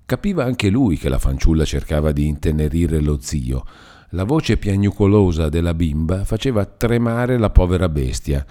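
A man narrating a classic novel in a measured, steady reading. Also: sits low. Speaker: audiobook narrator. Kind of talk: literary narration.

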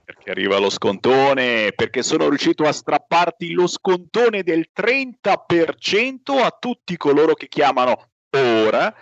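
Guy doing a radio infomercial, really animated, pushing people to call now, bit muffled. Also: on the high side, measured pace, dry recording. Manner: urging listeners to call, repeats phone number. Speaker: radio host promoting a product. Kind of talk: infomercial radio sales pitch.

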